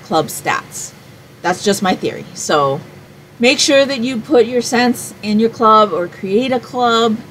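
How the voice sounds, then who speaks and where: A woman in her forties chats to camera about her week, rambling and thinking aloud with plenty of fillers. Her voice sits at a middle pitch for a woman. A faint hiss of noise sits under the recording. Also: fairly bright tone, poor audio. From Hawaii. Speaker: home fragrance vlogger. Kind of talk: casual chat to camera. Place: small room at home, indoors.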